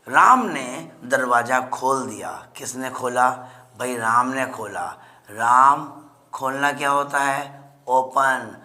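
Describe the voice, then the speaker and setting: Slow-paced Indian man teaching English. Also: medium pitch, bright, forceful tone. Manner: slow, repetitive explaining with frequent "ठीक है जी". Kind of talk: spoken English lesson in Hindi.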